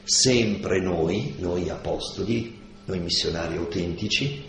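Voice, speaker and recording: A man giving a slow, deliberate lecture on scripture, stressing key words and asking rhetorical questions. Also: sits low, slight background noise. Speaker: lecturer on Paul's letters. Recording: echoey room with faint ambience.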